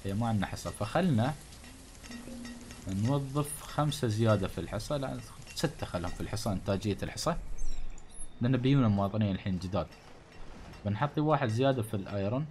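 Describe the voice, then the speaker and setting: A man's voice: lowish voice, animated, fast, long pauses, darkish tone, slight background noise. A man with a Gulf Arabic accent giving casual gameplay commentary, thinking aloud and grumbling jokingly at the game's townsfolk. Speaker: gaming channel host. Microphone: studio condenser mic.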